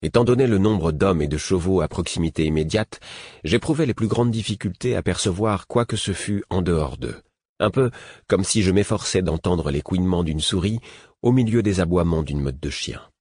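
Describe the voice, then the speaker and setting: A man narrating a fantasy audiobook in the first person at a steady pace. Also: low-pitched, normal speed, husky, dry recording, studio quality.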